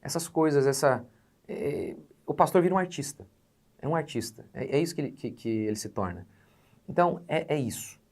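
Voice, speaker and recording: A man's voice: on the high side, animated, fairly quick, a little mellow. A Brazilian man in his forties, a pastor teaching in a sermon, emphatic, posing rhetorical questions and swelling on key words. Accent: Brazilian Portuguese. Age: 40s.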